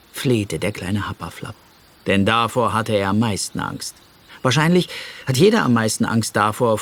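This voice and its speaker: Gravelly, expressive male storyteller. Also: medium pitch, a little hiss or hum. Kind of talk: children's story reading.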